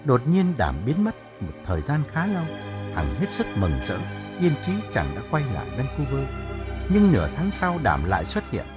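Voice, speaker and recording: A man narrating an audiobook story in a calm storytelling manner. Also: mid-range voice, moderate pace, highs cut off, music in the background.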